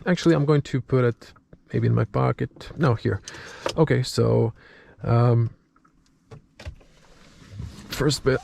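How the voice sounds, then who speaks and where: A native Croatian speaker with a Croatian accent offers casual car review commentary in English, his second language, occasionally hunting for words. His voice is mid-range and slightly mellow. Vehicle and ambient noise come through clearly in the background.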